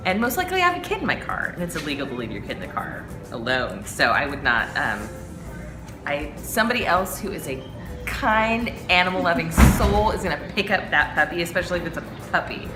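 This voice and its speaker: Blunt woman in her thirties, lively swoops. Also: deep voice, fairly quick, echoey room. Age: 30s. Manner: blunt, lively, laughs while talking. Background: background music.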